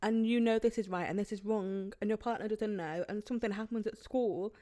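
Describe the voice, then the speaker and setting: A woman's voice: medium pitch, steady tone, a little fast, dark tone. Female co-host, casual chat, agreeable, long run-on sentences. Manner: agreeing, stacks clauses in long run-ons. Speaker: podcast co-host.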